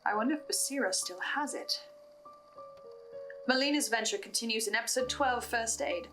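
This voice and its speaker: A woman hosts a recap of a horror audio drama, theorizing in scripted commentary with asides and addressing the listener in a dramatic, emphatic way. Her voice is a little high and a bit bright, and the audio is poor.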